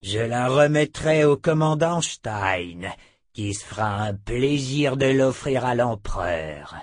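A man's voice: mid-range voice, animated, slow pace, dry recording, clean studio sound. A man voicing a cruel, sneering enemy soldier in an audiobook, mocking and smug. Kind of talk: audiobook character voice.

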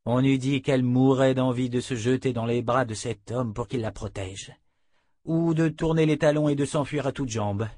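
With a mid-range voice, a male narrator reads an audiobook in a steady, measured storytelling manner. The sound is dry and cleanly recorded in a studio.

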